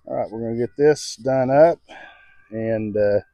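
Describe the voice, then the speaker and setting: An American man with a mellow, mid-range voice hosts a casual outdoor cooking vlog from his home patio, speaking at a measured pace. He talks in a folksy, informal way and thinks aloud as radio music plays in the background. The recording is dry.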